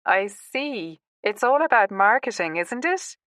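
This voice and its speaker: A woman's voice: mid-range voice, big pitch swings, a little slow, fairly bright tone, no echo, studio quality. A woman voicing an earnest young mother of a daughter, speaking in a wondering, sincere way.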